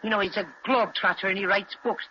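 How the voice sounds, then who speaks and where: A small, feisty teddy bear who bosses others and looks out for his friends, played by a man. The voice sits a bit high. It is heard through a muffled, faintly hissy 1930s radio recording. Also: fairly even intonation, fast, natural voice. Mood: scornful. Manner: bossy, protective, scolding. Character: cheerful brave little male teddy bear. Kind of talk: 1930s children's radio serial acting.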